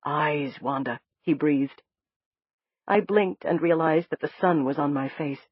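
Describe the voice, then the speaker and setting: A woman narrating a science fiction audiobook in first person, expressive and coaxing in her character's dialogue. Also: sits low, a little slow, slightly rough, no echo, muffled recording.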